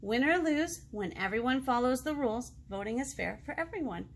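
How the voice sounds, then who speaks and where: A high-voiced American woman, a children's librarian, reads aloud and chats at storytime a little fast, speaking expressively in simple phrases to young children. She's seated before a book display in a small indoor room.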